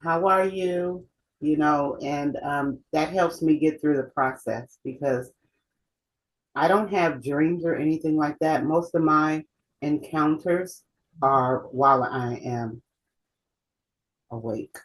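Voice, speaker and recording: A woman's voice: low-pitched, takes it slowly, low-quality recording. A middle-aged woman co-hosting a heartfelt conversation, reflective and emphatic, often repeating herself. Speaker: co-host.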